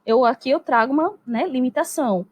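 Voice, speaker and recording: High-voiced woman teaching grammar. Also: fairly quick, breathy edge, no echo. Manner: explanatory, peppers speech with "né?" and "tá?"; acts out example sentences in a lifted voice. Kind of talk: recorded grammar lesson.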